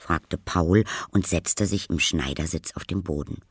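A man's voice: low-pitched, a little slow, breathy edge, no echo, clean studio sound. A man reading a children's story aloud in a playful, theatrical way. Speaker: audiobook reader.

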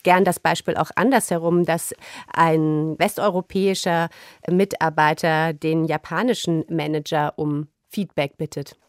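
A woman's voice: low voice, fairly even intonation, unhurried, dry recording, studio quality. A woman from East Germany hosting a radio program, asking engaged, articulate questions and moderating. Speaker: radio host.

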